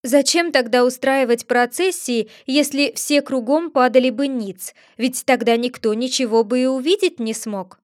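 A woman reading a storybook and voicing a polite but boldly calm young girl. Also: sits high, moderate pace, hardly any pauses, no echo, clean studio sound, lightly acted. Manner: polite, then calmly bold.

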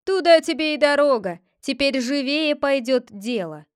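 A woman voicing a stubborn old village grandfather in a storybook reading, with loud exclaiming outbursts. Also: high voice, lively intonation, normal speed, no echo, clean studio sound. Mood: grumbling.

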